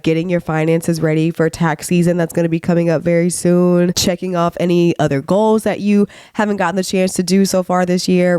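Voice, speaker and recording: A woman hosting her own podcast, sick and a bit hoarse, chatting in a casual, encouraging way with lots of "like" and "okay?". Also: on the low side, dark tone, dry recording, clean studio sound. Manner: chatty, many "like"s and "okay?" check-ins to listeners; faith-minded encouraging talk. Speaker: podcast host. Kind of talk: casual solo podcast chat. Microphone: podcast microphone.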